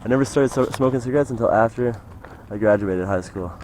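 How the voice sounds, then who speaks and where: A man's voice: medium pitch, fast, darkish tone, slight background noise, poor audio. A young man talking in a rambling, meandering way, full of "like" and "you know", in a casual monologue. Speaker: vlogger.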